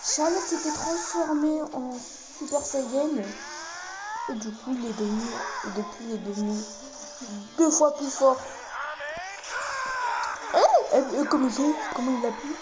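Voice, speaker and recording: A woman's voice: high-pitched, animated, measured pace, long pauses, dull audio. A woman giving casual, chatty commentary on her gameplay, swearing freely and full of fillers. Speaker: gaming youtuber. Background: game music.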